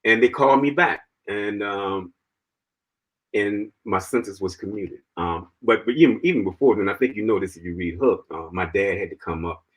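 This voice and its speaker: A man as an interview guest, telling his own story in an animated way, laughing often and filling his talk with "man" and "you know.". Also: on the low side, moderate pace, low-quality recording. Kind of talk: personal storytelling in conversation.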